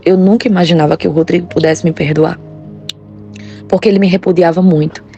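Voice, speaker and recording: A woman reads a personal testimony in the first person. Her voice sits low and mellow, and her delivery is earnest and confessional. Faint music plays beneath her. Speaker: testimony narrator.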